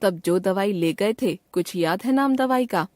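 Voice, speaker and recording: A polite medicine seller, read by a woman in a school textbook dialogue. He speaks in plain, helpful shopkeeper talk at a middle pitch. The recording is close and dry. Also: lively intonation, a little slow, a little mellow, no room sound, close to an everyday voice.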